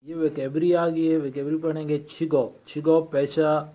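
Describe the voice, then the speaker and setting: A man teaching a language lesson from a textbook, reading vocabulary slowly and repeating each word for practice. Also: a little high, level tone. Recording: tinny phone-like recording.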